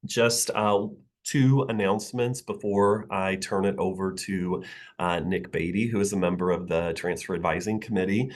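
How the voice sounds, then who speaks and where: A man who directs an advising center, opening a staff forum with announcements, his voice nasal from a cold, speaking in a measured way with frequent pauses and fillers. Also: deep voice, fairly even intonation. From Missouri.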